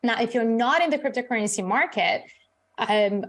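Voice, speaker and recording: Chatty woman guest born in Iran. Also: fairly high pitch. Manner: chatty, fast, lots of "like" and fillers. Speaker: guest, crypto author and CEO. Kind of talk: live news interview.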